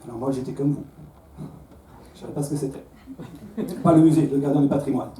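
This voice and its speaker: A Belgian man in his thirties with a Belgian French accent performs a self-mocking stand-up set on a comedy club stage, stammering and restarting. His mid-range voice is steady, quick, and dark in tone. The roomy club sound is picked up from a distance, with a faint crowd.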